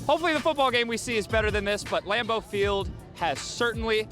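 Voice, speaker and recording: A man's voice: high voice, expressive, quick pace, a bit bright, faint music behind. A man reporting outdoors by a stadium on a cold day, joking and playful as he chats with fans. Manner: jokey, playful, self-mocking. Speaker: field reporter. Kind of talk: lighthearted on-location reporting.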